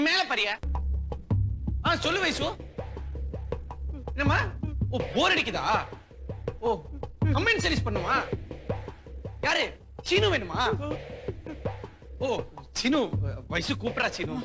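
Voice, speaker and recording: A man's voice: very high-pitched, heavily acted. An actor playing a mocking, unhinged young male killer in a film scene, taunting in a sing-song way. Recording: film dialogue with loud music underneath.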